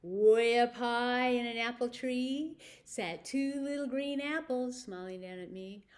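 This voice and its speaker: Hosting a children's story time, a woman tells stories and rhymes and addresses young listeners directly with simple prompts. Her voice sits fairly high and her delivery is unhurried.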